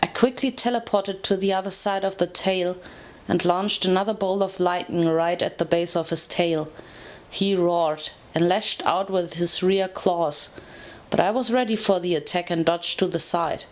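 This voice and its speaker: A woman reading a first-person fan story aloud, steady and narrative, with occasional self-corrections. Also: fairly low pitch, moderate pace. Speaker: fanfiction reader.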